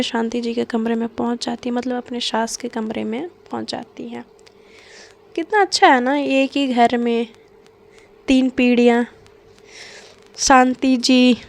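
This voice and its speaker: A woman's voice: on the high side, vocal fry. A young adult woman narrating a family story in a chatty, casual way, with asides to her listeners.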